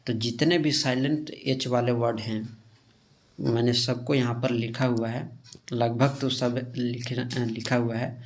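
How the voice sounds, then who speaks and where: Male grammar teacher, mid-pitched voice, explains step by step and answers his own questions. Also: fairly even intonation, takes it slowly. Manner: explains step by step with frequent "theek hai" check-ins; asks questions and answers them himself. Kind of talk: classroom grammar lesson.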